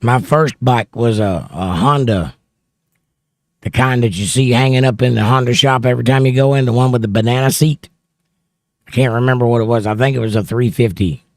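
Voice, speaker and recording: Reading out live chat on a relaxed stream, this host speaks briskly at medium pitch. He talks into a close studio microphone right by his mouth, and no room sound comes through.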